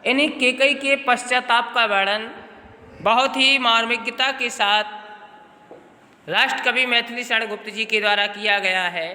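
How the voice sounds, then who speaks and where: A man teaching a poetry lesson, his voice high and very bright, unhurried and deliberate as he goes through the meaning of each word. The sound is a roomy, echoing space with a long tail of reverb behind every phrase. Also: steady tone. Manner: measured, explanatory, glosses words one by one. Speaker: Hindi teacher. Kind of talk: recorded lesson explaining a poem. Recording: echoey room with long reverb.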